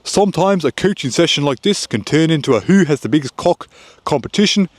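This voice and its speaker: Man imitating blunt NZ rugby coach, higher voice, crude and rousing. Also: expressive, fairly quick, no echo. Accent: New Zealand. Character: blunt male rugby coach giving advice.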